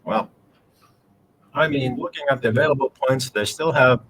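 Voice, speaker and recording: A man's voice: mid-range voice, steady tone, normal speed, a bit bright, slight background noise, low-quality recording. Joking male esports commentator. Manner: joking, teasing banter. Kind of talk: live game commentary.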